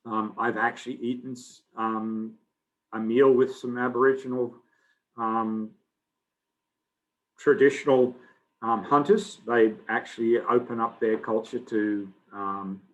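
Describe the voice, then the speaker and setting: A middle-aged man from Australia, giving a relaxed, conversational biology lecture full of fillers. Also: mid-range voice, unhurried, muffled recording. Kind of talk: recorded lecture.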